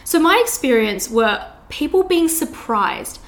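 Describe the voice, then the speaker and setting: A woman's voice: high voice, animated. A young woman from China, co-hosting a casual podcast and chatting responsively. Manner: warm, responsive listener with frequent laughs and quick backchannels. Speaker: podcast co-host.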